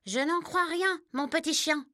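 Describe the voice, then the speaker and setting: A woman voicing a poor, plaintive little old grandmother in a children's storybook reading, with a high, thin, quavering voice. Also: steady tone, slow, no room sound, studio quality. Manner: plaintive, sighing.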